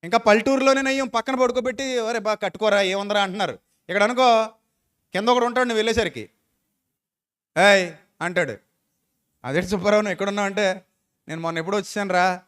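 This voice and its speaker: Preacher, male, high voice, folksy, keeps questioning the congregation. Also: fast, a bit bright, smooth. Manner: folksy, questioning the listeners directly, acting out quoted people. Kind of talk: sermon with closing prayer.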